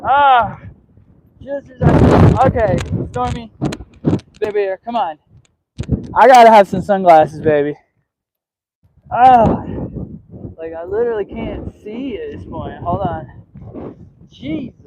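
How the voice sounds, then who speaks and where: A man with a high, expressive voice hosts a casual live vlog outdoors, speaking slowly with frequent pauses. Holding a wind-covered mic as he walks a windy trail, he chats to viewers and scolds his dog while wind noise fills the background.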